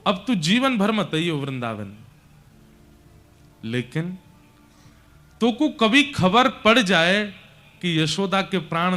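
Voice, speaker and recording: A man's voice: sits high, pushed and bright, heavily acted. A man voicing a grieving, devoted village mother who pleads tenderly in a rustic Braj accent.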